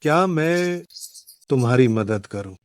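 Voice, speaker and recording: A man's voice: medium pitch, animated, a little slow, clear, resonant tone, no room sound, close to an everyday voice. An actor dubbing a sleazy, taunting man who leers at a young woman. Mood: leering. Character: leering drunk male lecher at a party. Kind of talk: dubbed drama dialogue.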